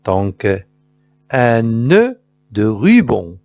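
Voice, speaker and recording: A man with a Moroccan accent teaching a phonics lesson to young pupils, pronouncing sounds and short phrases slowly and deliberately for them to repeat. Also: mid-range voice, huge pitch swings, a little mellow. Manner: slow, deliberate drilling with repetitions.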